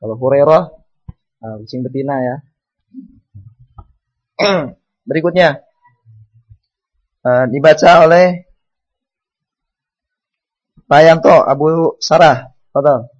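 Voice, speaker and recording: A man's voice: fairly high pitch, slow pace, pauses often, dull audio. A man teaching an Arabic class, calling on students to read and patiently repeating words and their meanings.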